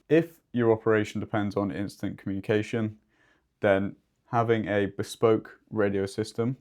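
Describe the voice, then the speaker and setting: A man with a fairly low, darkish voice serves as the expert co-host of a business video, a podcast co-host specializing in two-way radios. He explains things conversationally, with measured and somewhat wordy phrasing.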